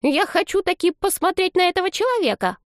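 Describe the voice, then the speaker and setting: A woman voicing a shrill half-deaf old granny. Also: very animated, fairly quick, dry recording, clean studio sound. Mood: indignant. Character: fussy half-deaf old grandmother, indignant. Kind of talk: audiobook character voice.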